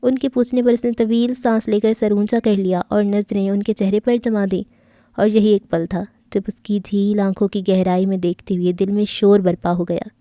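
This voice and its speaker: A woman reads a novel aloud as an audiobook, smooth and expressive. Her voice is warm and mellow, at a middle pitch. The recording is dry and close, with no room sound. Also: no room sound. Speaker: audiobook narrator. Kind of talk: scripted novel narration.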